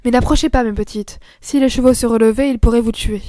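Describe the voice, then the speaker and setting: A woman's voice: fairly high pitch, fairly even intonation, quick pace, warm tone, no room sound, studio quality, close to an everyday voice. A woman voicing a caring governess who warns the children protectively. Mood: anxious. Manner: cautioning, protective. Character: kindly governess, anxious and caring.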